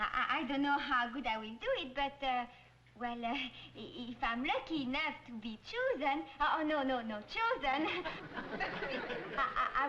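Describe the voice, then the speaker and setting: A stammering French student. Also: female voice, sits high, sharp tone, muffled recording. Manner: stammering, nervous. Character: flustered French immigrant woman student. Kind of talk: 1960s sitcom acting. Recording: hissy old TV soundtrack.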